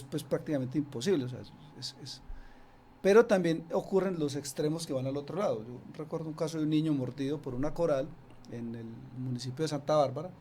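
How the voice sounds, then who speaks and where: A man's voice: fairly high pitch, dark tone, slight background noise. Man explaining in a radio chat. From Antioquia, Colombia. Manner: conversational, many restarts and fillers. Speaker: snake expert guest. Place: radio studio.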